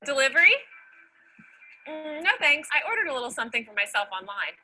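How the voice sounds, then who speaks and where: A woman's voice: high voice, very animated, fairly quick, sharp tone, faint music behind, exaggerated voice, poor audio. A woman acting a perky, delighted customer in a cheesy scripted commercial, played back from a video. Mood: perky, pleased.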